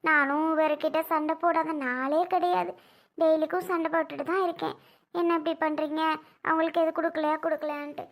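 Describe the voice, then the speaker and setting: A woman playing a gentle elder sister-in-law who pleads softly and tries to soothe. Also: sits high, little pitch movement, fairly quick. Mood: pleading.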